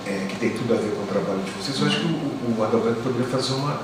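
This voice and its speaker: A man's voice: mid-range voice, very fast. Man, Brazilian accent, historian, explanatory, echoey room, audible noise. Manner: explanatory, informative. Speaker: local historian. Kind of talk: casual conversation. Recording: echoey room, distant mic, background noise.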